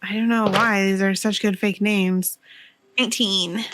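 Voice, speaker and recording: A woman's voice: mid-range voice, fairly even intonation, measured pace, a bit bright, a little hiss or hum. A woman playing in a tabletop game, speaking coolly and laconically. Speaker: player.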